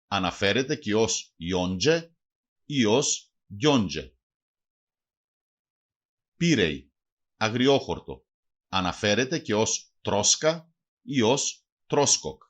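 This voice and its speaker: A man reading a language lesson aloud, slowly and carefully going through lists of words and their meanings. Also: fairly low pitch, a bit bright, breathy edge. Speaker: language teacher. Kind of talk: read-aloud vocabulary lesson.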